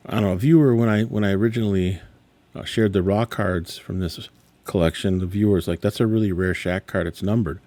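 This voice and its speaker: Man, middle-aged, low dark voice, rambling, exasperated, casual vlog talk, dry close sound. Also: dry recording. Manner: rambling, exasperated, self-correcting. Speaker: sports card dealer. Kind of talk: casual card grading reveal vlog.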